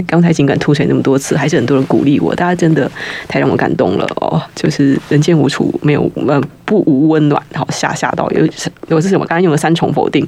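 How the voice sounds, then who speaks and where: A young man, guest-hosting a casual radio chat in a studio, talking fast and rambling with nervous restarts. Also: fairly high pitch, vocal fry, a little mellow, breathy edge. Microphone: studio mic with headphones.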